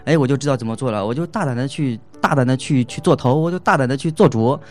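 A man at a middle pitch tells his own marriage story in a loose, halting way, full of fillers and restarts. He laughs often along the way. Faint music plays softly behind him. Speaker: husband giving a couple's testimony. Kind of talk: casual spoken testimony.

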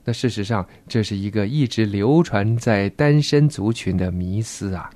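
Relaxed male radio host, mellow tone. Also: lowish voice, moderate pace, no room sound. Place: radio studio.

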